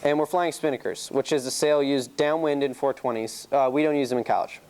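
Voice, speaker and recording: Here the young sailing team presenter talks at a brisk clip, his medium-pitched, darkish voice holding a steady tone. It's an easygoing classroom chalk-talk on sailing rules, peppered with his own race stories and easy laughter.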